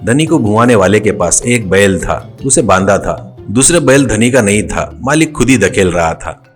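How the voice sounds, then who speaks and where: A man's voice: fairly low pitch, lively intonation, moderate pace, faint music behind. Man narrating a cartoon story. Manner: plain storytelling.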